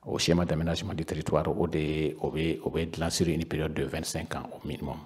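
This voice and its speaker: In an indoor panel room, a man in his fifties with a Malian accent, a regional council official, uses a foam-covered handheld microphone to explain in Bambara mixed with French. Hesitant and given to repeating words, he speaks fairly quickly in a level, husky bass voice that is a little mellow.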